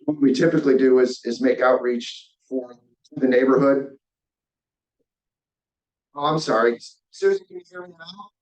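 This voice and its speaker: A man presenting a real estate development plan at a community meeting. He speaks haltingly and restarts often, and his audio keeps breaking up, with word endings cut off. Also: medium pitch, darkish tone, echoey room, dull audio. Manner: halting, with frequent restarts and repeated words. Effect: choppy call audio with dropouts and clipped word endings. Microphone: far from the speakerphone on a video call. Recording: distant, breaking-up video call audio.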